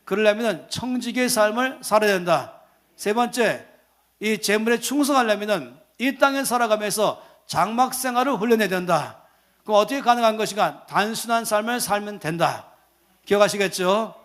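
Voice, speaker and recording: A man's voice: high voice, animated, normal speed, fairly bright tone. A man preaching a sermon, counting his points off in order.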